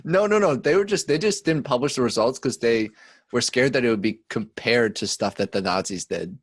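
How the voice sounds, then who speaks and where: A man's voice: mid-range voice, brisk, dry recording. A young man co-hosting a podcast, telling a story in casual chat with lots of fillers and cursing. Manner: rambling storyteller with filler words and profanity. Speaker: podcast co-host.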